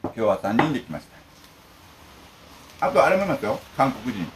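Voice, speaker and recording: A man's voice: medium pitch, moderate pace, background noise. A talkative middle-aged man, the manager of a bento shop, telling stories in casual chat. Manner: talkative, lively storytelling.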